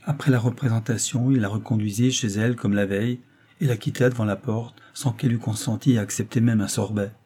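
Low, husky male audiobook narrator. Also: steady tone, brisk, warm tone. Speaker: audiobook reader.

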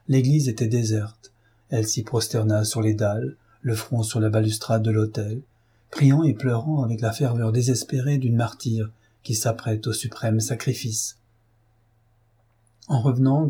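A man with a French accent reads a classic novel aloud in a calm, measured storytelling voice. His tone is dark and mellow, with a husky edge. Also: medium pitch. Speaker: narrator. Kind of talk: literary audiobook reading.

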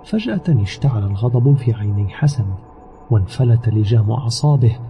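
Man narrating an audio novel steadily. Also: mid-range voice. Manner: steady, measured storytelling. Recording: slightly dull recording with background music. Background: soft music.

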